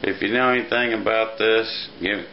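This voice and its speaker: A middle-aged radio hobbyist vlogs about a gadget in a small, kitchen-like room, talking plainly and haltingly in a fairly low, steady voice. He's recorded on a handheld camera held at arm's length, so the audio is dull and lo-fi with clear noise.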